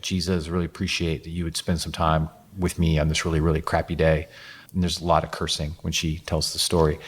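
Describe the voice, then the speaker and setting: A man, a guest author, telling a story on a live podcast and acting out the quoted dialogue with animation. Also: deep voice.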